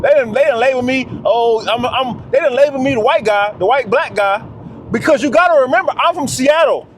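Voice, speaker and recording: A man's voice: very high-pitched, a little fast, slight background noise. A man talking straight to camera in a casual vlog, emphatic and slangy, repeating his phrases for weight. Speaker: vlogger.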